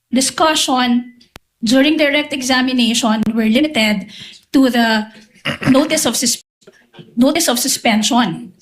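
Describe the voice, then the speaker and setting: A woman's voice: sits high, slight background noise, low-quality recording. A woman with a Filipino accent arguing formally as a defense lawyer, insistently raising objections and restating her points. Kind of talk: formal legal argument.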